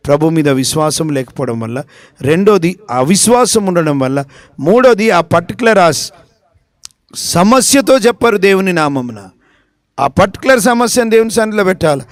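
With a fairly high voice, no room sound, and a Telugu accent, a pastor delivers an emphatic sermon, repeating phrases, asking listeners questions, and voicing brief prayers and dialogues on his own.

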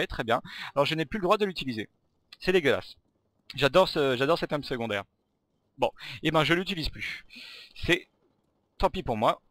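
A man giving live commentary while playing a video game. He rambles, stumbles over his words and breaks into excited outbursts at the game. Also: a little high, no echo. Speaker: gamer and channel host.

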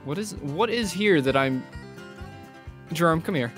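Relaxed player chatting mid-game. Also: medium pitch, measured pace, soft background music. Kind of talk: casual group gameplay chat.

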